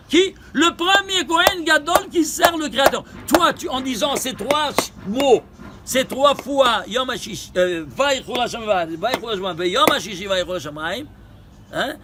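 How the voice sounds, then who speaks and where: A man teaching a Torah lesson with gematria, animated and questioning, repeating phrases. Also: high voice, slight background noise. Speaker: rabbi teaching Kabbalah.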